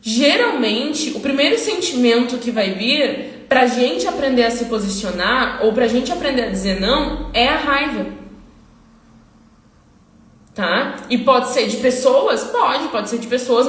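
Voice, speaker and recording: A woman hosting a casual motivational live talk, animated and answering questions she imagines from her audience. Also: high voice, a little slow, reverberant. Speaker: live-stream host.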